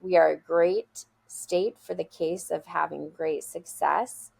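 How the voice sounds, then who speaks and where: On a podcast, a woman who founded a school speaks slowly in a loud, gravelly, husky voice with fairly low pitch and fairly even intonation. She answers questions earnestly and emphatically but often restarts what she's saying.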